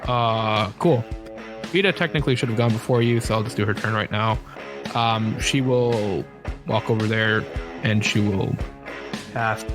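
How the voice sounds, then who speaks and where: A man running a tabletop game as game master, explaining rules in a casual, halting way. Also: fairly low pitch, music in the background.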